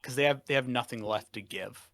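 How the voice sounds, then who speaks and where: A man's voice: medium pitch, fairly quick, fairly bright tone, no room sound, studio quality. A young man co-hosting a casual sports podcast, ranting and swearing with fired-up energy. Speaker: podcast co-host.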